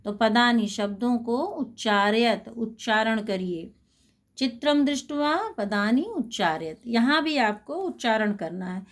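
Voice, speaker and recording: A woman teaching a Sanskrit lesson to schoolchildren. She is patient and spells out words slowly, repeating them. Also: a little high. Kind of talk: slow explanatory lesson for schoolchildren.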